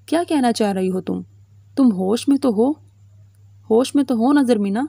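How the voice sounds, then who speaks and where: A woman voicing a worried middle-aged mother who talks softly and pleadingly. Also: medium pitch, vocal fry, no room sound, clean studio sound. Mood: alarmed. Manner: pleading, soft.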